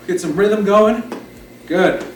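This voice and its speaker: A man's voice: sits high, slow pace, slight background noise. A man leading an exercise class as instructor, giving short encouraging cues and counts. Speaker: fitness instructor. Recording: roomy echo, distant mic, background music. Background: music.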